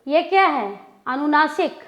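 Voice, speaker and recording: A woman teaching Hindi grammar in a lecture style, speaking deliberately and repeating example words to demonstrate how they sound. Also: high-pitched, a bit bright.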